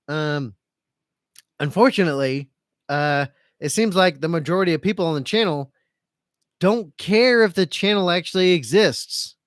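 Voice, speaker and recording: A man with a fairly high voice hosts a casual live stream, captured with clean, echo-free studio sound. He reads chat comments aloud and rambles repetitively, circling back over phrases in a self-pitying, resigned, sweary tone.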